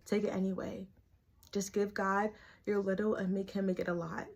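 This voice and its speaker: A woman's voice: mid-range voice, level tone, normal speed. Earnest young woman, heartfelt vlog. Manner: earnest, heartfelt, chatty with many "like" fillers. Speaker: vlogger sharing a faith testimony. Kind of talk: casual confessional talk to camera.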